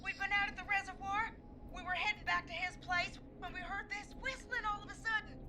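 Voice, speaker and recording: A woman's voice: very high-pitched, animated, normal speed, very noisy. An actress voicing a terrified young woman calling for help after her friend was stabbed, pleading and crying. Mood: panicked. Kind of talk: video game voice acting.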